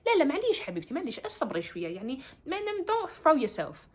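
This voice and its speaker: A woman talks straight to camera in a casual, big-sister advice vlog. Her voice sits a little high. She is emphatic and chatty, calls the viewer honey and darling, and mixes Arabic and French words into her English. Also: huge pitch swings, rapid-fire. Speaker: advice vlogger.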